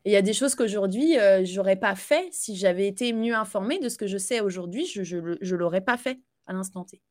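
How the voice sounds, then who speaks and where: A woman guest on a podcast, talking casually about her life in a halting way full of fillers and restarts, and laughing easily. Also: mid-range voice, darkish tone. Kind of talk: casual conversational interview.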